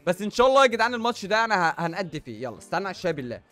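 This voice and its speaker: A man's voice: high-pitched, very animated, rapid-fire, a bit bright, soft background music. A young Egyptian man commentating his own football video game matches, joking and trash-talking the opponent. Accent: Egyptian Arabic. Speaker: gaming YouTuber. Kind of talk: excited FIFA gameplay commentary.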